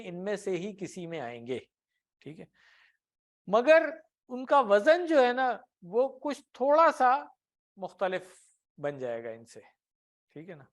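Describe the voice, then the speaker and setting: Patient Urdu-speaking male teacher. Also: high-pitched. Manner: patient, explains with everyday examples and asks the class questions; often ends points with a tag question. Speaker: Arabic grammar teacher. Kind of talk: classroom lecture in Urdu.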